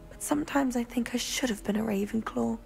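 Cocky chatty young witch student in a game, highish voice, some fry. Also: fairly quick, darkish tone, faint music behind. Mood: self-assured, friendly. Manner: self-assured, formal, chatty. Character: confident, self-admiring witty young witch student. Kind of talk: video game dialogue.

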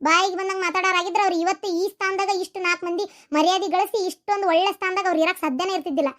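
A woman's voice: very high-pitched, fairly even intonation, racing, fairly bright tone. A woman voicing a young married woman in a cartoon who firmly defends her husband, with a North Karnataka Kannada accent. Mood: defensive. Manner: firm, defensive, earnest. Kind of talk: cartoon voice acting.

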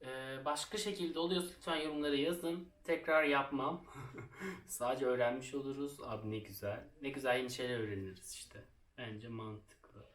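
A man's voice: mid-range voice, normal speed, a bit bright. Young man, chatty and self-mocking vlogger, laughs a lot, roomy echo, a bit off-mic. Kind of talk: casual storytelling while crafting. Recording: roomy, somewhat distant from the mic.

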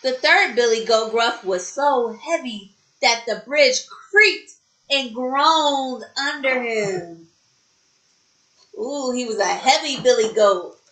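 A woman preschool teacher reading a story aloud expressively to children and explaining a craft activity. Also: on the high side. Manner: slow, expressive, talking to children. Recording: roomy echo.

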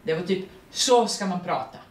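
A woman with a Serbian accent and Serbian as her first language, speaking as the guest at a public artist talk, animated, laughing often and searching for words. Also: fairly low pitch. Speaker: guest actress. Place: print workshop event room. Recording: roomy, distant mic, faint noise.

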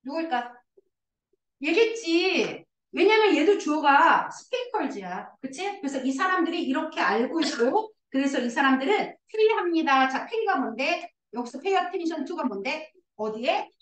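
A woman teaching a high school English class, explaining a passage and coaxing her students with constant questions. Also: very animated, unhurried, a bit bright, roomy sound, recorded from a distance, a little hiss or hum, rough recording. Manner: coaxing, asks students questions and answers herself.

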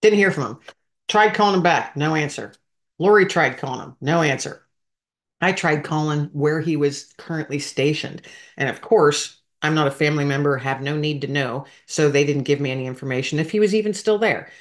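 A woman who is a veteran hosts a podcast, telling an emotional story in a heartfelt, rambling way and addressing her listeners directly. Her voice is low-pitched and brisk.

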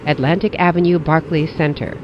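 Woman with a low voice on a train loudspeaker, muffled, with a faint hum behind. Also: fairly even intonation. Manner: measured, evenly spaced phrasing. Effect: over a train loudspeaker. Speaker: recorded train announcer. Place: inside a subway car. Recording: muffled train speaker with faint car noise.

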